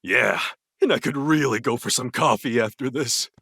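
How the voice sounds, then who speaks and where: An actor voicing a small, gruff Pikachu detective in a video game, casual and wry. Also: male voice, medium pitch, normal speed, fairly bright tone, dry recording, studio quality. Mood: grateful, easygoing. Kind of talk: video game cutscene acting.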